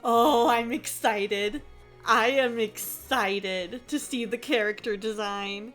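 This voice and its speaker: A woman hosting a casual reaction commentary, expressive and musing aloud. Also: a little high, slow pace, soft background music. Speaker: host.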